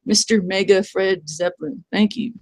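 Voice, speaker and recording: A woman's voice: medium pitch, steady tone, moderate pace, vocal fry, darkish tone. A woman hosting a casual live stream, chatting and reading out viewer comments.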